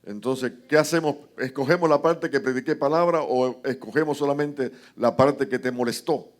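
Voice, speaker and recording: A man's voice: medium pitch, moderate pace. A male pastor, preaching a sermon with passion and rhetorical asides to the congregation. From Cuba. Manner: impassioned preaching, retells scripture in dramatic quoted voices.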